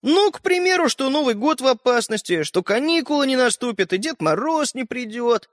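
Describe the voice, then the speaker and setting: A man voicing a tiny, boastful and sly living toy boy in a storybook, cheeky and excitable. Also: very high voice, moderate pace, dry recording, studio quality, pitched above the performer's own voice.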